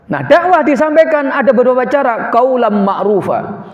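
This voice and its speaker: A man's voice: very high voice, very animated, normal speed. A male preacher giving a mosque sermon, explaining Arabic phrases simply and often turning to the listeners as "Pak". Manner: keeps addressing listeners as "Pak". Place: mosque hall. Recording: echoey muffled hall recording.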